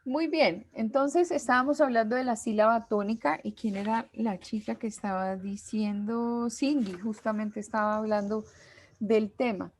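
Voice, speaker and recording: A woman teacher, giving a class lecture patiently and slowly, with many pauses and fillers. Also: fairly high pitch, fairly even intonation.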